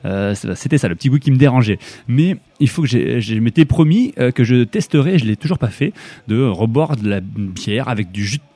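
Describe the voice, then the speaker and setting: A young man from France hosting a radio show, talking casually and haltingly between tracks with lots of fillers and restarts. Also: mid-range voice, warm tone, dry recording.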